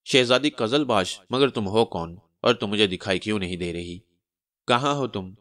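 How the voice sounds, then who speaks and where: A man voicing a skinny, panicky male trickster who shouts in flustered bursts. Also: lowish voice, normal speed, no echo, close to an everyday voice.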